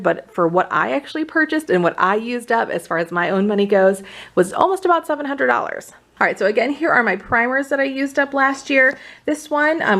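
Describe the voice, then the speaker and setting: A beauty vlogger chats informally to camera as she runs through products, sounding slightly out of breath from pregnancy. Her mid-range voice has vocal fry and is a bit bright.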